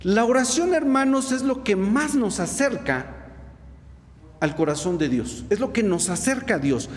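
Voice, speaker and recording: A man's voice: high-pitched, lively intonation, measured pace, big-room sound, a little hiss or hum. A man preaching a sermon to his congregation, asking them rhetorical questions. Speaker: pastor.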